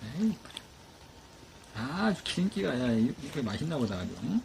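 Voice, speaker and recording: A man with a gravelly, creaky voice coos at his dogs in affectionate baby talk, his pitch bouncing widely up and down. Steady background noise is clearly heard under the recording. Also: fairly quick. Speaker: dog owner vlogger. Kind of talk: casual talk to pets.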